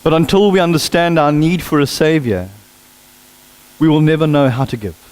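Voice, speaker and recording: A man with a South African accent preaching a sermon, an animated storyteller who acts out sounds and drops to a hush for emphasis. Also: fairly high pitch, moderate pace. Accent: South African English. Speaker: pastor. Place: church sanctuary. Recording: echoey church hall with long reverb.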